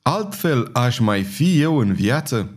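A man voicing a troubled woman fortune-teller who has lost her memory, speaking in a slow, murmuring, dazed way in an audiobook reading. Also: mid-range voice, very animated. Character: wild-hearted madwoman, a wandering fortune-teller.

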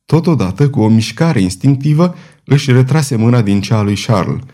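A male audiobook narrator with a warm, mellow tone. He reads a novel in a measured, dramatic way at a middle pitch. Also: expressive. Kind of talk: scripted narration.

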